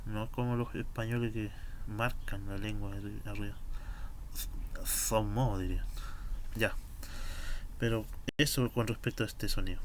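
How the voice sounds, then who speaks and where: Guy teaching a language class, slow and patient, stretches words out for practice. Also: on the low side, steady tone, a little hiss or hum. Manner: slow, patient explanations with drawn-out pronunciation drills.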